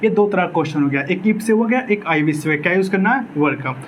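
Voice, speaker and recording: A man's voice: sits high, animated, fast talker, slight background noise, low-quality recording. A man teaching an exam-prep English grammar lecture, asking his own questions and answering them, repeating key words.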